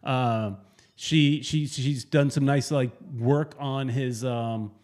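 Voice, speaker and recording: A man's voice: mid-range voice, slow. Rambling man in a casual sports chat. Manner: rambling, self-correcting, animated bursts. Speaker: podcast co-host.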